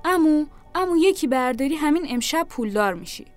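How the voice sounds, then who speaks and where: A woman's voice: sits high, lively intonation, soft background music, voice pushed up. Woman doing a nasal, pushy little fortune-selling girl.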